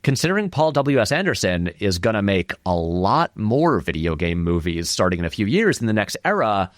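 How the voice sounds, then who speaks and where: Recorded dry at studio quality, a man with a lowish, sing-song voice speaks at a moderate pace. As an interview guest and filmmaker-video essayist, he offers relaxed film commentary, wandering as he thinks aloud and leaning on key words.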